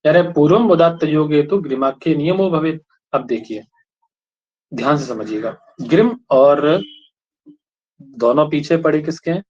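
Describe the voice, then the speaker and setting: A man's voice: fairly high pitch, a little slow, pauses often, a little mellow. A male teacher giving a classroom lecture, asking students questions again and again and checking that they follow. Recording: dull lo-fi recording.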